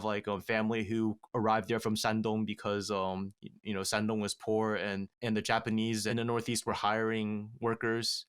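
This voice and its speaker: A podcast guest in his thirties tells a family story in casual conversation, his voice on the low side with a fairly bright tone. He speaks in a measured, halting way, with frequent "um" fillers and restarts. He's recorded on a studio mic, wearing headphones, in a small home studio treated with acoustic foam panels.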